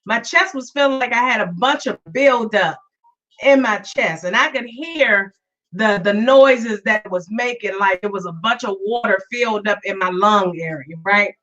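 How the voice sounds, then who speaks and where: On a casual live stream of her own podcast, a woman with a medium-pitched, somewhat bright voice talks at a moderate pace and greets listeners by name. Her voice is still weak after being sick, she repeats herself, and the lo-fi recording is dull and a bit far away.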